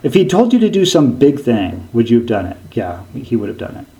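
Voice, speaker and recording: Man preaching, storytelling style, keeps restarting mid sentence, mid-pitched voice. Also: a little fast, gravelly, low-quality recording. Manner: animated storytelling with frequent restarts. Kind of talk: sermon.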